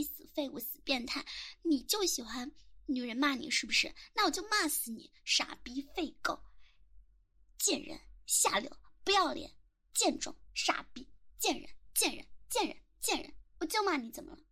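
A high-voiced, possessive teenage schoolgirl, acted by a young woman in an audio role-play drama. She is jealous and domineering. She sneers and taunts, and she rattles off insults at anyone who crosses her. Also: full character voice. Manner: sneering, taunting, bursts into relentless shouted insults. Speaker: voice actor.

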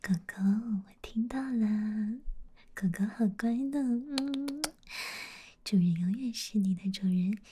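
A woman's voice: a little high, slow pace, dark tone, a little hiss or hum. A young woman hosting a late-night livestream, talking to her viewers in a teasing, playful whisper close to the microphone. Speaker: livestream host.

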